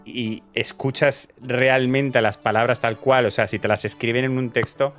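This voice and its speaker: A man's voice: mid-range voice, steady tone, moderate pace, a bit bright, faint music behind. A man hosting a news commentary show, talking with hesitant fillers and restarts. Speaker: host.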